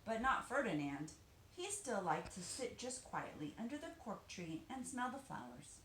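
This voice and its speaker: A woman reading a children's picture book aloud, animated and deliberate, with dramatic emphasis. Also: mid-range voice. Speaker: storybook reader, teacher. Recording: roomy echo, faint background noise.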